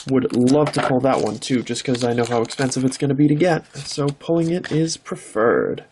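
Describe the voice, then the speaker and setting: A man hosting his channel, chatting casually off camera while opening trading card packs and breaking into excited exclamations. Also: medium pitch, moderate pace, noisy background. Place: indoors, filming from behind the camera.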